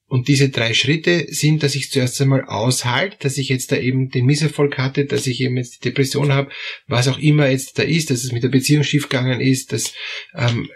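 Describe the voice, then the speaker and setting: A man's voice: mid-range voice, breathy edge. A man giving a spoken self-help monologue, hesitant, with many fillers and repeated words.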